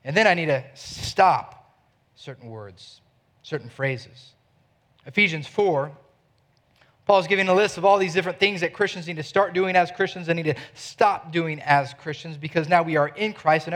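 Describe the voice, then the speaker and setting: High-voiced man preaching a sermon. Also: normal speed, fairly bright tone. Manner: earnest, conversational preaching with rhetorical questions. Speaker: pastor. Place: church.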